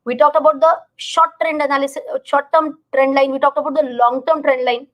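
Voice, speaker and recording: A woman with an Indian accent speaks in a noticeably high voice. She explains things informally as a live-stream finance educator, stressing points through repetition and pausing to check that everyone understands. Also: steady tone. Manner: teacherly, checks understanding, repeats words for emphasis.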